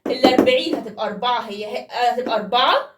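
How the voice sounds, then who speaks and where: A woman's voice: fairly high pitch, very fast, echoey room, recorded from a distance, very noisy. A woman teacher with an Egyptian accent explaining math to young children in a chatty, playful way, full of questions to the class. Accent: Egyptian Arabic. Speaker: primary school math teacher.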